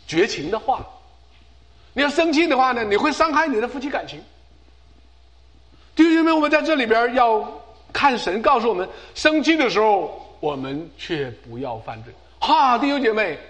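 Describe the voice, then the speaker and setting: A man's voice: very high-pitched, a bit bright. A middle-aged man preaching a sermon as pastor, emphatic and repeating phrases for stress.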